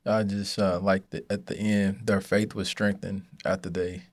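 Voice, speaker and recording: A man's voice: low voice, flat delivery, normal speed, dry recording. A man in a Bible study group, sharing a thought hesitantly and thinking aloud. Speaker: group member. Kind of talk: casual group discussion.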